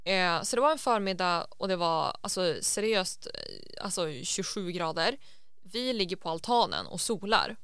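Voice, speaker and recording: A young adult woman co-hosting a podcast, chatting in a relaxed way and slipping English phrases into her story. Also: lowish voice, vocal fry, clean tone, no echo, studio quality. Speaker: podcast co-host. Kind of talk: casual storytelling chat.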